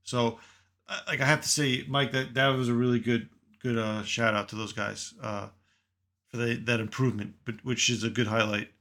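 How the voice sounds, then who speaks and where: A man hosting a casual chat, speaking haltingly with many fillers. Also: medium pitch, fairly even intonation, pushed and bright. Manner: halting, filler-heavy, blunt.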